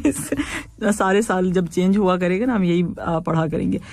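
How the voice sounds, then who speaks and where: A woman's voice: on the low side, measured pace, darkish tone, dry recording. A woman hosting a radio call-in show, reading listeners' messages and teasing them playfully, laughing often. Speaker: radio host.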